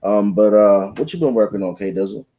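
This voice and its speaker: A man's voice: lowish voice, brisk, muffled recording. A man co-hosting a podcast in laid-back, conversational chat full of slang. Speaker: podcast co-host.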